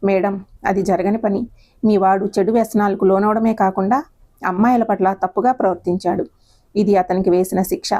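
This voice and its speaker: A woman voicing a calm, firm male college principal in an audio story, polite but unbending. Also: mid-range voice, moderate pace, lightly acted.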